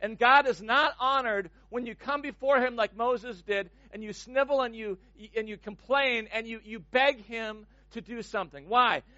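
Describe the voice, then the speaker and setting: High-pitched man, sermon delivery, emphatic with repeated words, dry close sound. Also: moderate pace, few pauses, sharp tone, dry recording, muffled recording. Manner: emphatic, repeats words when building momentum. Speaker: preacher.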